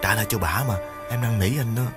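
A man voicing a frightened young man who whimpers and pleads in a shaky voice, with soft music behind. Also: lowish voice, quick pace, lightly acted. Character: frightened young man, a small-time thief begging.

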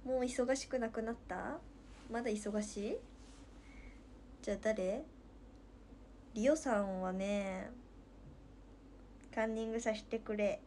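A woman's voice: on the high side, fairly even intonation, takes it slowly, pauses often, dark tone, slight background noise. A woman in her twenties from Nagasaki with a Nagasaki accent, chatting playfully and giggling with viewers on a livestream from her room at home. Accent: Nagasaki dialect. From Nagasaki, Japan. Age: 20s. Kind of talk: casual chat with viewers.

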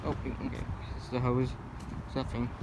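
A man's voice: medium pitch, monotone, a little slow, vocal fry. A man vlogging as he walks around an empty building, making short offhand remarks. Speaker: urban explorer vlogger. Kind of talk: casual walkthrough narration. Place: outdoors in an empty parking lot. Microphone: handheld phone camera. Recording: loud outdoor traffic noise.

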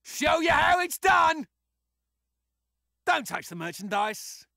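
A scrappy little raccoon soldier from a fighting game, cocky and sarcastic. The voice is high and gravelly, swooping wildly as it throws out brash taunts. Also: male voice, big pitch swings, slow pace, sharp tone, no echo, studio quality, heavily acted. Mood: fierce shouting. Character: cocky, foul-mouthed, scrappy male raccoon space soldier.

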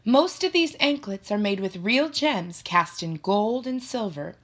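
A woman voicing a brisk middle-aged female schoolteacher who speaks in a firm, instructive way in an audiobook reading. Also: mid-range voice, animated, pitched above the performer's own voice. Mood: cautioning.

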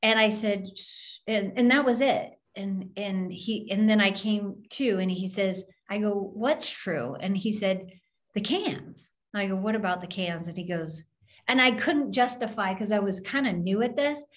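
Speaking in a medium-pitched voice at moderate speed, a woman minister shares a story in an open forum. She is animated, voicing each of the characters herself.

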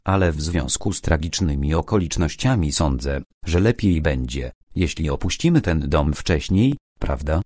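A formal, erudite elderly professor, read by a man in an audiobook, fussy and polite. The voice is very deep and dry, with a wide, expressive lilt. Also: moderate pace, hardly any pauses, no room sound. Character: polite elderly American male professor, anxious father. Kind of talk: audiobook character reading.

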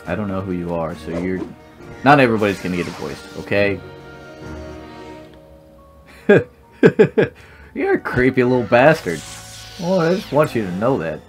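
A man's voice: fairly low pitch, very animated, a little slow, long pauses, faint music behind. A young man giving casual, blunt, joking game commentary with plenty of swearing. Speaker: gaming video host.

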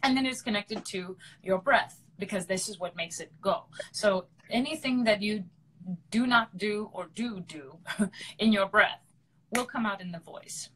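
A woman's voice: medium pitch, unhurried, a bit bright, slight background noise, low-quality recording. A woman opera singer, a guest in a live online interview, explaining things earnestly and repeating her points for emphasis.

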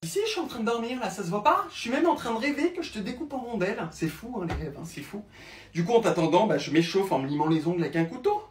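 A man's voice: sing-song, fast, reverberant, distant mic, slight background noise. A man playing a shrieking, furious girlfriend. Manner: screaming insults, shrill and raging. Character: furious jealous young girlfriend.

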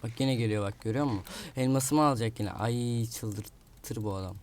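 A man's voice: mid-range voice, steady tone, moderate pace, a little hiss or hum. A man giving casual live commentary while playing a video game, muttering to himself and grumbling about an opponent. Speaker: gaming video creator. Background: keyboard clicks and typing.

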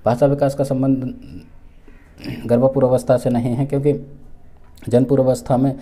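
In a recorded lecture for exam prep, an Indian teacher speaks with a dark, flat voice at medium pitch. Each point comes out twice, once with Hindi terms and once with English, in a measured explanatory style that's full of fillers and restarts.

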